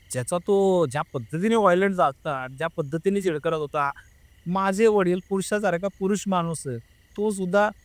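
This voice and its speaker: A man's voice: sits high, no room sound. A young man earnestly telling a personal story in a casual interview, acting out what his family said. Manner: earnest, emotional, re-enacts family members' words.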